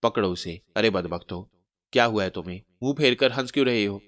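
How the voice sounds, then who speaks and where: A man voicing a skinny, panicky male trickster who shouts in flustered bursts. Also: on the low side, brisk, dry recording, studio quality, natural voice.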